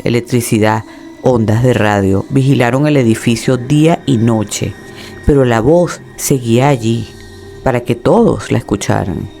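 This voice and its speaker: A man narrating a true horror tale in a measured, dramatic way. His mid-pitched voice has a gravelly, creaky edge. Soft music runs beneath it. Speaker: storyteller.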